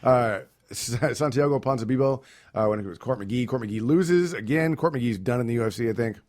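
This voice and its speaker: A man's voice: medium pitch, a little fast, a little mellow. Man, podcast host, casual fight-talk chat, laughs a lot, runs down results. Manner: laughs often, reads off results loosely.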